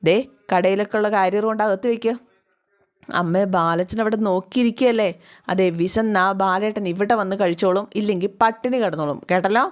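A woman's voice: mid-range voice, brisk, natural voice. A woman voicing a domineering middle-aged mother-in-law who scolds sharply. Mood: scolding.

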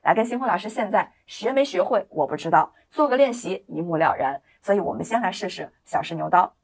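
A woman teaching English in a video lesson, explaining with encouragement and reading example sentences slowly and clearly for learners to repeat. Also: medium pitch. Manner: explains in lively, encouraging classroom talk.

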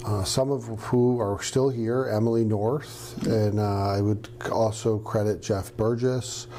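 A middle-aged man from New Hampshire, a radio professor answering interview questions in a relaxed, storytelling way with some fillers. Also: on the low side, measured pace, slight background noise. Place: studio with green screen.

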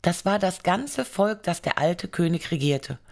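A woman narrating an audiobook fairy tale, reading it aloud in measured storytelling phrases. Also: lowish voice, expressive, vocal fry, a little mellow.

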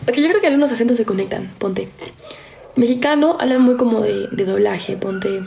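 Gravelly young Peruvian woman streamer. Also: a little high, normal speed, a little hiss or hum. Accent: Peruvian Spanish. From Peru. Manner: chatty, reads questions aloud and drops into quiet asides. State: tired. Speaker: live streamer. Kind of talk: casual chat answering viewer questions.

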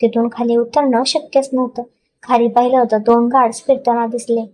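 Woman, storyteller, scripted narration, steady, even, slightly higher pitch. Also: brisk.

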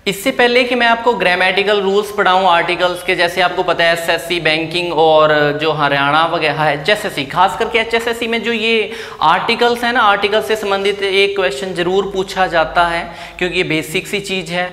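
A man's voice: high-pitched, steady tone, normal speed, hardly any pauses, pushed and bright. A male teacher explaining an English lesson in a classroom, talking step by step and asking the class rhetorical questions. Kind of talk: classroom lecture. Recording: echoey room with long reverb.

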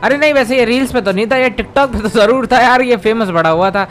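A man's voice: extremely high pitch, a little fast, a bit bright, a little hiss or hum. A young man doing comedic game commentary and role-play, brash and joking, full of casual fillers. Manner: brash, joking, filler-heavy "yaar, bhai sahab". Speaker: gaming youtuber.

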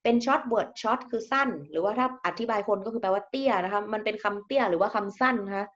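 A woman's voice: medium pitch, fairly quick, a bit bright, dull audio. Woman teaching grammar. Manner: explains English terms in Thai, repeats words, polite sentence endings. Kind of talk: recorded online grammar lesson.

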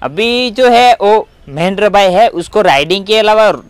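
A man's voice: high voice, lively intonation, a little slow, smooth, dry recording. A young man, a horse trainer explaining plainly in a casual outdoor interview. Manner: plain, matter-of-fact explaining. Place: outdoor dirt yard by a pony cart.

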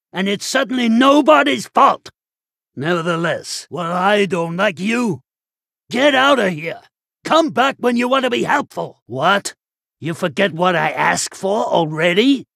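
An actor playing a cocky, menacing, trigger-happy outlaw doctor in a video game, gruff and boastful with a gravelly, slangy delivery. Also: male voice, sits high, fairly bright tone, no echo, clean studio sound, heavily acted. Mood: shady, businesslike, then gruff, impatient. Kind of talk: animated video game character acting.

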